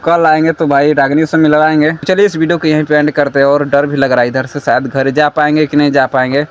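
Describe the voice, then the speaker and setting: A man's voice: fairly high pitch, little pitch movement, quick pace, clean tone, highs cut off. A man vlogging a night ghost hunt in an abandoned hut, calling out nervously and pleading with an unseen spirit. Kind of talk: spooky exploration vlog narration.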